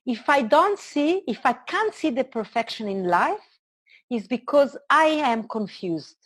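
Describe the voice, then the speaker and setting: A woman's voice: sits high, animated, measured pace. A woman with an Italian accent speaks as a spiritual teacher in conversation, earnest and expansive, unfolding her reflections in short phrases. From Italy. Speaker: spiritual teacher being interviewed.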